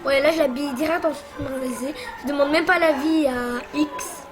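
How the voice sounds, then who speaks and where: Hosting a let's play, a woman chats casually and bossily teases her co-player while she plays. She speaks fairly quickly in a high-pitched voice, with music in the background.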